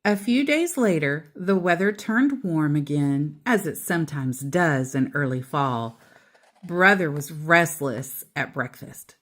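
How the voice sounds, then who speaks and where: A woman with a low voice reads a children's book aloud. She phrases things expressively and deliberately, hitting words with emphasis, and makes offhand comments as she goes.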